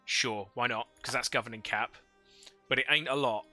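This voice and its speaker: A man's voice: mid-range voice, fairly even intonation, moderate pace, sharp tone, soft background music. A man livestreaming a strategy game into a headset mic, thinking aloud and chatting with viewers. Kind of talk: casual live gameplay commentary.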